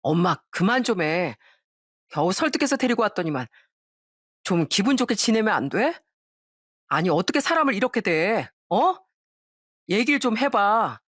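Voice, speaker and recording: A woman voicing a weary young brother-in-law who pleads in an exasperated, drawn-out way. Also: mid-range voice, very animated, fairly bright tone, no echo, studio quality.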